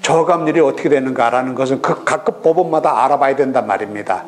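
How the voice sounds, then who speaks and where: A middle-aged man giving a recorded lecture on real estate auctions, lively and full of rhetorical questions. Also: medium pitch, fast. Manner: lively, rhetorical questions, acts out regional voices.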